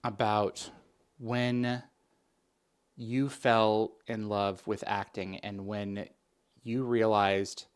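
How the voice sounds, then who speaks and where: Guy hosting a chat interview, friendly, asks lots of questions. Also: lowish voice. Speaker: interview host.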